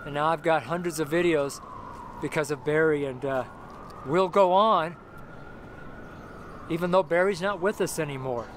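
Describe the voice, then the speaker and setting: A fairly high-voiced middle-aged man preaches at normal speed but pauses often, speaking to a handheld camera up close on a city sidewalk beside a brick wall. The informal sermon is rambling and repetitive, full of fillers and restarts, and traffic noise runs throughout.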